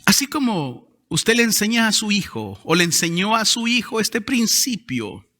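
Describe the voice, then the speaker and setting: Pastor, male, fiery sermon delivery, pitched high, in a reverberant church hall. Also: big pitch swings, moderate pace. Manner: emphatic preaching with sharp rises in pitch and volume.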